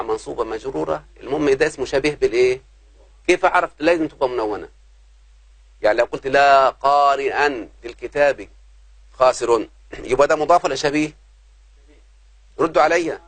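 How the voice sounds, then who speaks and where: A man's voice: medium pitch, vocal fry, husky, no room sound. A man with an Egyptian accent teaching Arabic grammar to a class, often stopping to ask the students whether they understand. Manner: keeps checking if students understand.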